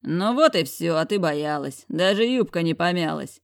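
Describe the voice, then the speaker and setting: A woman's voice: on the low side, animated, normal speed, creaky. A brash, mocking man of great size and money, coarse and bossy in every word, voiced by a woman. He talks down with cocky humor, pushing his way through each scene of an audiobook. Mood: bossy teasing. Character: huge mocking billionaire boss, brash man. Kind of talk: audiobook character voicing.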